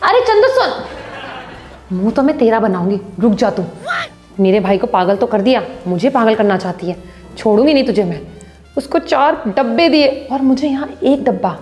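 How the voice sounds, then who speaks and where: A woman's voice: a little high, moderate pace, darkish tone, faint music behind. A woman acting in a comic family skit, muttering scheming, grumbling asides. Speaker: comedy skit performer.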